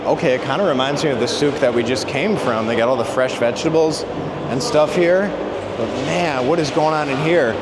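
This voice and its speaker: A man's voice: medium pitch, a little fast. Chatty travel vlogger man, noisy street. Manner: excited, chatty, lots of fillers like "like" and "dude". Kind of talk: casual walking travel vlog. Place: outdoors along a busy city waterfront and in a market. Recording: loud street and traffic noise.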